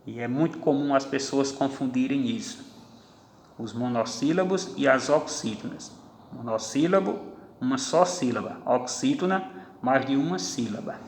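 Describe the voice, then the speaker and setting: A man teaching a grammar lesson, speaking slowly and deliberately and stretching out each example word. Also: mid-range voice, a little hiss or hum. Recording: echoey room with long reverb.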